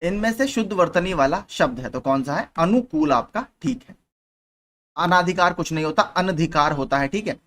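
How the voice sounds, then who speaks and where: A man's voice: a little high, animated, fairly quick, hardly any pauses, a bit bright. A young man teaching as a channel host, patiently working through exam questions one by one and often repeating key points. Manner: patient, repeats points, frequent "theek hai" checks.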